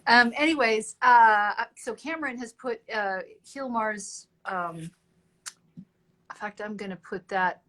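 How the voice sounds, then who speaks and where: A woman's voice: a little high, takes it slowly, a bit bright. A woman hosting a casual livestream interview, chatting with her viewers and thinking aloud between questions.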